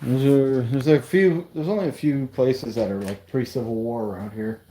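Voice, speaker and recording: A man's voice: medium pitch, moderate pace, dark tone, a little hiss or hum. A man hosting a casual live stream, chatting straight to his viewers. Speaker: livestream host.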